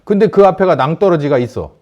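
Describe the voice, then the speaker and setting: A male pastor delivering a sermon, his voice sitting a little high and swinging widely in pitch. He asks the congregation questions as he goes and acts out shouted quotes with force. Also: animated, fast, highs cut off.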